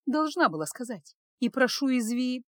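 A woman's voice: high-pitched, big pitch swings, normal speed, no room sound. A woman voicing a hurt young woman, tearful and shaky, swinging between whispers and cries, in a storybook reading.

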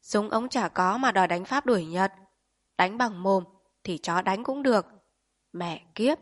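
A woman's voice: medium pitch, a little slow, lightly acted. A woman voicing a scornful, sneering rich landlord. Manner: sneering, dismissive.

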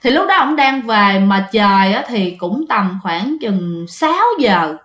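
A woman's voice: medium pitch, animated, a little slow, fairly bright tone. A woman telling a ghost story casually, chatting to her listeners and often restarting her sentences. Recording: roomy echo.

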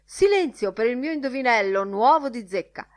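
A woman reading an audiobook, voicing a clownish young male idler who jeers and jokes in a lively way. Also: high-pitched, unhurried, pitched above the performer's own voice. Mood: mocking.

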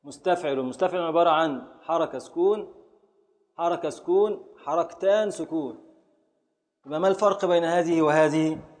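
A man's voice: fairly high pitch, normal speed, a little mellow, in a large hall. A man teaching a class in Egyptian Arabic, patiently repeating and scanning words aloud and calling on his students. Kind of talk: classroom lesson on Arabic prosody and grammar.

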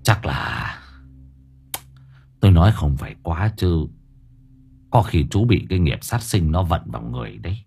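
A man voicing an old village elder who talks low and gruff, scolding like a father. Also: big pitch swings, normal speed, exaggerated voice. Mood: grumbling advice. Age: older.

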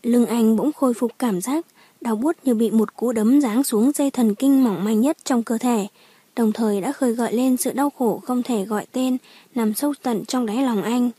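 A woman's voice: a little high, normal speed, mellow, breathy edge, no room sound. A woman narrating a dramatic audiobook story in scripted, storytelling style.

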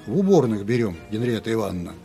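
A man voicing a sly scheming swindler who answers briskly and conspiratorially. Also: fairly low pitch, expressive, darkish tone, faint music behind, close to an everyday voice.

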